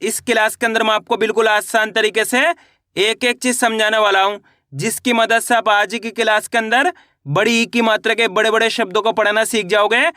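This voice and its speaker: A male teacher giving a reading lesson, drawing out syllables slowly and answering his own questions. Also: high-pitched, level tone, pushed and bright, no echo, clean studio sound.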